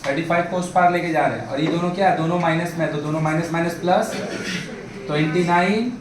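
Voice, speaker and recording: Talking fast at a fairly high pitch, a man leads a classroom math lesson in Hindi mixed with English, prodding students with questions and calling them babu and bhai. The mic is far away in an echoey room, with faint background noise.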